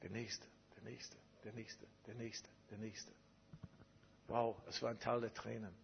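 A man's voice: fairly low pitch, flat delivery, unhurried, vocal fry, lo-fi sound, slight background noise. A man preaching a sermon, telling a personal story emphatically and repeating phrases.

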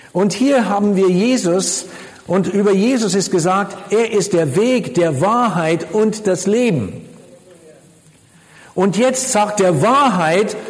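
A man preaching a sermon and teaching on a Bible passage, speaking slowly and deliberately and repeating key words for emphasis. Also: high voice. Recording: long reverb of a large hall.

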